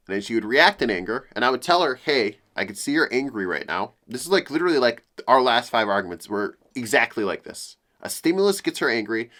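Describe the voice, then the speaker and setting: A man's voice: on the low side, fairly bright tone. A young man talking candidly to the camera about feeling depressed after a breakup, rambling with many fillers and restarts. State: low and depressed. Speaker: vlogger. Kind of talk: personal venting monologue.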